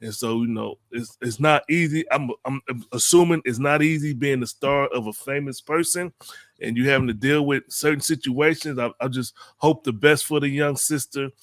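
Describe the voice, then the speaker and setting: A male co-host on a relaxed panel show talks earnestly, pausing and filling gaps as he goes. His voice is mid-pitched, and the recording is close and dry. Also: no room sound. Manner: earnest, halting, fills with "you know" and "um". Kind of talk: casual panel talk show chat.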